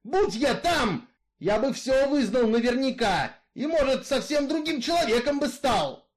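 A man's voice: sits high, big pitch swings, a little slow, darkish tone, voice pushed up. Man doing a bitter brooding outlaw. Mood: fervent. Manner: rough folksy drawl, brooding, growling at times. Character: brooding bitter male killer, middle-aged outcast.

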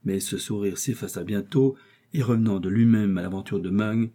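A man narrating a classic novel as an audiobook in a calm, even storytelling manner. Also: fairly low pitch, normal speed.

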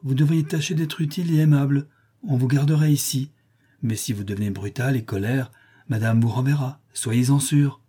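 A man's voice: a little high, brisk, warm tone, slightly rough, pitched above the performer's own voice. A man voicing a firm but kindly nursemaid in a storybook reading, who admonishes a child. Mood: admonishing.

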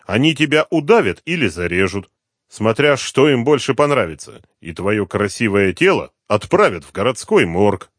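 A man doing a calm, ironic tough guy. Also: lowish voice, moderate pace, no room sound, studio quality, voice pushed up. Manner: calm, level, dryly ironic. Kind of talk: audiobook character voice.

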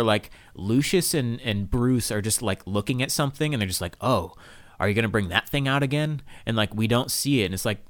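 A man talks movies with a co-host in a loose, relaxed chat. His pitch swoops up and down with lively energy, and he swears freely. Now and then he drops into a flatter voice to mimic lines from the films. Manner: animated, swearing, mimics film lines in a flat voice. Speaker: podcast co-host. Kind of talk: casual film discussion.

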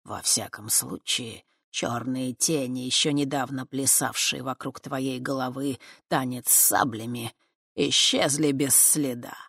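An audiobook reader voicing an elderly male mentor wizard who speaks slowly and low, calm and wry. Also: creaky, breathy edge, dry recording, studio quality, heavily acted. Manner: slow, low, measured speech. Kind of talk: audiobook character voice.

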